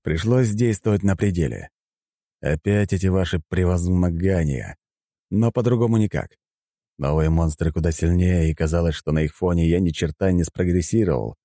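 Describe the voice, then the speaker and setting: Deep-voiced male audiobook narrator. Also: normal speed, no echo, studio quality. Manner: animated first-person storytelling.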